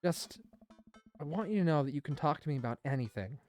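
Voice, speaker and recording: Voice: mid-range voice, lively intonation, a little fast, a little mellow, soft background music. A streamer playing a dating game, reading the dad's lines and making chatty, rambling asides. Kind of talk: let's play commentary and reading.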